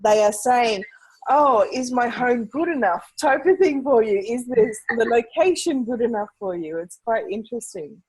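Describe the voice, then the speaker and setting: A woman hosting a casual panel chat over a video call, lively and acting out quotes. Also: on the high side, moderate pace, slightly rough, poor audio.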